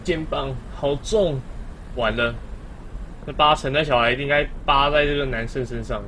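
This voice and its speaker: A man's voice: medium pitch, fairly even intonation, normal speed, bright, forceful tone. A young man gives casual, chatty horror game commentary, muttering reactions and frequent exclamations as he plays. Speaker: gaming streamer. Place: indoor room, webcam setup. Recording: clear noise, game ambience behind voice. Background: horror game sound effects.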